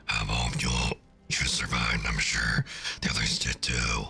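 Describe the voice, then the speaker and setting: Layered demonic voice, a menacing demon, very low, hoarse and gritty. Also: male voice, flat delivery, a little slow, bright, forceful tone, soft background music, full character voice. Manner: reads game lines aloud in a put-on demon voice. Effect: deep layered demonic voice filter. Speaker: gamer playing a role-playing video game. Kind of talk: casual let's-play commentary reading dialogue options.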